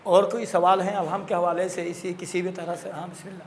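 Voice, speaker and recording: A man's voice: high-pitched, little pitch movement, a little hiss or hum. A man teaching a classroom lesson on Quran recitation, explaining patiently and repeating his points.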